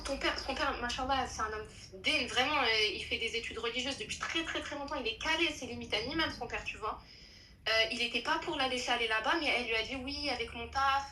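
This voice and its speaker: Young woman spilling a story, high bright voice, lots of slang and restarts. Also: roomy sound, slight background noise, poor audio. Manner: animated, slangy, many restarts. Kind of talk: casual storytelling chat.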